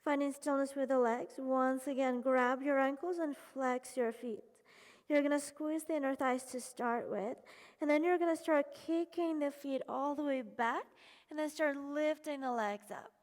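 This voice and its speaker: A woman leading a yoga class, giving calm, encouraging step-by-step cues and sounding slightly out of breath. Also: high-pitched, normal speed, in a large hall. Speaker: yoga instructor. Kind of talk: guided yoga class instruction.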